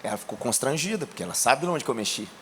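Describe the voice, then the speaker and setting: A Brazilian man preaching a sermon, telling a testimony in a colloquial way and rising to shouts. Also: medium pitch, sing-song, fast, a little hiss or hum. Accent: Brazilian Portuguese. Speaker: pastor.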